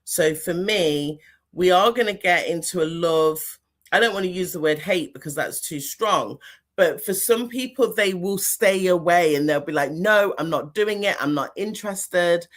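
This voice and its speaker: A woman's voice: fairly low pitch, moderate pace. A woman hosting a podcast interview over a video call, chatting casually and animatedly, laughing often. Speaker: podcast host.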